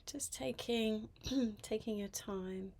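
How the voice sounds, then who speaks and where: A woman leads a mindfulness meditation, her fairly high voice soft, breathy and half-whispered. She speaks gently, leaving long pauses.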